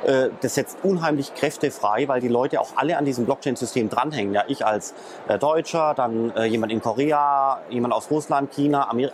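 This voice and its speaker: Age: adult. Sex: man. Pitch: mid. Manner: hesitant, filler-heavy explainer. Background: faint traffic. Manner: hesitant, many filler sounds and restarts. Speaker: interview guest, blockchain expert. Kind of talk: explanatory interview talk. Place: in Frankfurt, near traffic.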